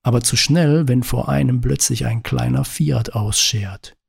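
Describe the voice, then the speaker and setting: A man reading a novel aloud in calm, measured narration. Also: medium pitch, gravelly, breathy edge. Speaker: audiobook reader. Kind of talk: scripted narration.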